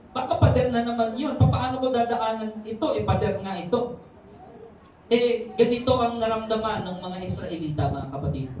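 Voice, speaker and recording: A man preaching a sermon as pastor, talking conversationally and often asking the congregation questions. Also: high-pitched. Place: church hall. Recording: very echoey hall, distant mic, faint noise.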